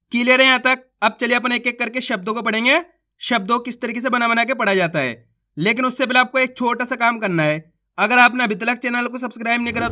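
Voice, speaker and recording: A man teaching a beginners' reading lesson online, sounding out syllables slowly and patiently and often checking that his students follow. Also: sits high, sharp tone.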